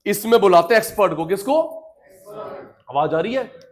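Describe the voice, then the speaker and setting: A man teaching a classroom lecture, his voice sitting fairly high for a man. He talks straight to his students in an animated way, drops low and quiet for stories, then rises loud for key points. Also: normal speed. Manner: animated, addresses students directly, swings from quiet storytelling to loud emphasis.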